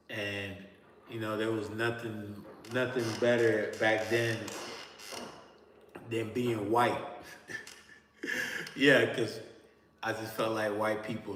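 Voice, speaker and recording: This Miami-accented man, from Miami, Florida, chats with his stream in casual, cursing slang, addressing chat directly from a creaky chair in an indoor room. He has a lowish, slightly bright voice; slight background noise is present, and the roomy space echoes with long reverb.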